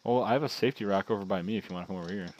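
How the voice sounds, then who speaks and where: Playing a game with a friend, a young man spins rambling, joking tales in a lowish, slightly mellow voice. He speaks very fast, keeping the co-op banter casual.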